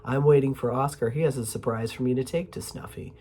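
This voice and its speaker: A woman's voice: rumbling low, fast, warm tone, a little hiss or hum. A woman with a cold voicing a big, friendly male bird who is eager to help his friend. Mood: earnest. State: sick with a cold.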